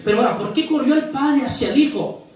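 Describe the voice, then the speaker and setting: A man's voice: extremely high pitch, fast talker. A male pastor from Mexico preaching a sermon, with emphatic bursts and rhetorical questions. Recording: echoey hall, voice from a distance.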